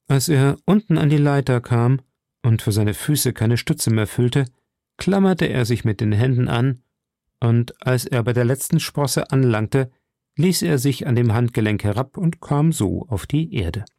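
A man narrates an old adventure novel with slow, measured care. His voice carries a gravelly fry at a medium pitch. The recording is dry and close, with no room sound. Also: lively intonation, mellow, dry recording. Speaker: audiobook narrator. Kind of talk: scripted narration.

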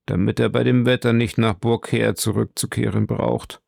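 A man's voice: mid-range voice, flat delivery, moderate pace, creaky, a little mellow, no echo. A man reading an audiobook, voicing a nervous, greedy male innkeeper who speaks tensely.

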